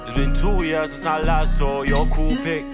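Young man half-singing drill over a loud beat. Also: fairly high pitch, steady tone, moderate pace, loud music behind the voice. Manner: melodic, half-sung rap. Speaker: rapper on his own track. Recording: played-back song with loud hip-hop beat.

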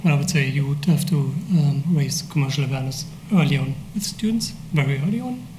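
A man from a startup company answering on a conference panel, measured and earnest. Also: fairly high pitch, dark tone, roomy sound, slight background noise. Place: conference auditorium, seated at panel table.

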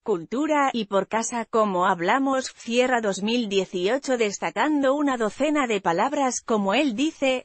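A woman reading a news article aloud in an even, measured way, as a news voice-over. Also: a little high, no room sound. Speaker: news reader.

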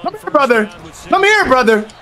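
A man's voice: extremely high pitch, big pitch swings, normal speed, bright, forceful tone. A man playing a video game match, bantering with repetitive teasing catchphrases. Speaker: gamer opponent.

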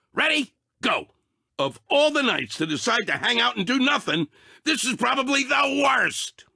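A man voicing Anger, a short-fused, sarcastic cartoon emotion in a video game, with a raspy, blustering, exasperated delivery. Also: very high-pitched, bright, forceful tone, no room sound, clean studio sound, heavily acted. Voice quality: raspy, gravelly, tense. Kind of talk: animated video game character acting.

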